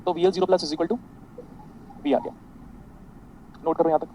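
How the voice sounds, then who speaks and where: A man's voice: on the high side, fairly even intonation, normal speed, dark tone, a little hiss or hum, low-quality recording. A man teaching an engineering class online, mixing Hindi and English, with a sarcastic, exaggeratedly polite manner.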